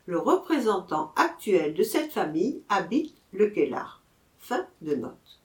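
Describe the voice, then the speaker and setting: Unhurried woman reading a novel aloud. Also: sing-song, darkish tone, roomy sound. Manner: unhurried reading, voicing the crowd and characters with raised pitch. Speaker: audiobook reader. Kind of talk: scripted narration of a novel.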